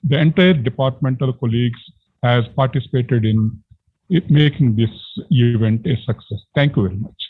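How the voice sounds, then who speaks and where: An older man with an Indian accent gives a formal vote of thanks in a deliberate, halting way. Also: mid-range voice. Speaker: event organiser giving vote of thanks. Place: indoor room, on a video call. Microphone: computer mic on video call. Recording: tinny, phone-like video call audio.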